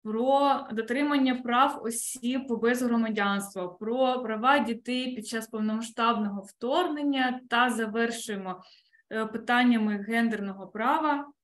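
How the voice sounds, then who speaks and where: A woman with a fairly high voice closes an online conference as its moderator. She speaks formally and earnestly, pausing on small fillers. The voice comes over a video call. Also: a bit bright. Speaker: moderator and event coordinator.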